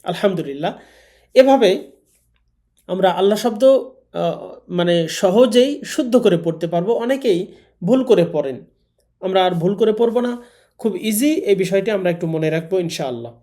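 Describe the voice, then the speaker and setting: A man teaching a Quran class, explaining rules patiently and slowly stretching out Arabic sounds as examples. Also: high voice, lively intonation, warm tone. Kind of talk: classroom lesson.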